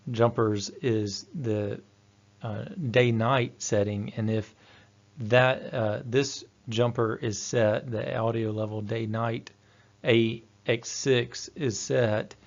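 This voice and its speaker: A technical trainer, a man with a mid-range voice, gives an instructional presentation slowly and in a level tone. His manner is methodical and explanatory, and the voice-over audio sounds dull and lo-fi.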